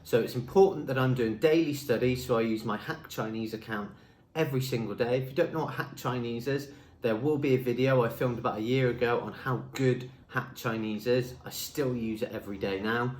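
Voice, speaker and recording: A young native English speaker presents an upbeat talking-head vlog for a language school's marketing, chatting indoors with a screen behind him. His medium-pitched voice moves fairly quickly, and the room is echoey.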